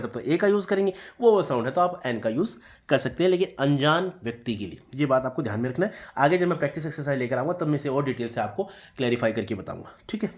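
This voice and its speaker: Man teaching grammar, slow and repetitive. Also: fairly high pitch. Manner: slow deliberate reading of example sentences, repeating key points. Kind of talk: explanatory classroom lesson.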